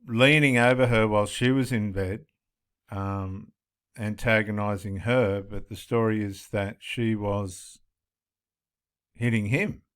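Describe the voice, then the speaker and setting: A man's voice: fairly low pitch, steady tone, takes it slowly, fairly bright tone, smooth. A man commenting on police footage, stressing points by repeating his phrases. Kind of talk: video commentary.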